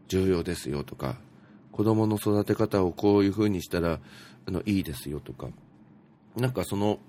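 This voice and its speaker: A man's voice: low voice, warm tone, slight background noise. A man casually reading out posts and musing on them, with many fillers and asides. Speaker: radio host reading out tweets. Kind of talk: casual talk show reading.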